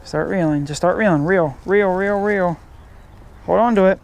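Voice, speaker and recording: A man's voice: sits high, moderate pace, vocal fry, a little mellow. A middle-aged man filming a casual fishing vlog outdoors by a creek on a head-mounted camera, coaching a child as he goes. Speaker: fishing vlogger. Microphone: head-mounted action camera.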